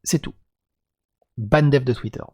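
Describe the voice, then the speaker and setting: A man's voice: medium pitch, a little slow, mellow, husky. A man reading a script and breaking into crude, sarcastic asides as a video commentator. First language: French. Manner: crude, sarcastic asides between read passages. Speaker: YouTube commentator.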